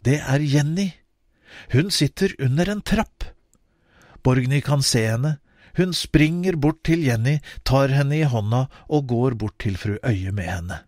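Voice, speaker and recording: A man narrating a children's audiobook expressively, with wide swings in pitch. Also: animated, a little mellow, no echo, studio quality.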